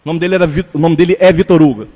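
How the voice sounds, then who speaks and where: A man preaching a sermon as a pastor, telling a personal story earnestly and slowing down to stress key points. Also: a little high, fairly even intonation, warm tone, in a large hall. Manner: earnest storytelling, slows for emphasis.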